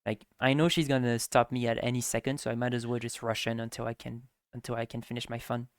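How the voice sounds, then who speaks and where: A man playing a tabletop game talks casually and a little rambly as he explains his character's moves. His voice is smooth and resonant. It is recorded dry and close, with no room sound. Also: mid-range voice, little pitch movement, fast talker, no room sound. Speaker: player.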